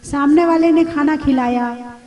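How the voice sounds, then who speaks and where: A woman delivers a spiritual discourse in a high, mellow voice. She talks to her listeners conversationally, asking rhetorical questions and adding light humor. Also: a little slow. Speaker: Jain nun giving a discourse. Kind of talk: sermon.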